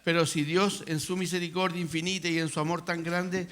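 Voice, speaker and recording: A man's voice: fairly high pitch, little pitch movement, fairly quick, a bit bright. A man preaching a sermon in a church, asking rhetorical questions and building to emphatic passages. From Chile. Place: church sanctuary.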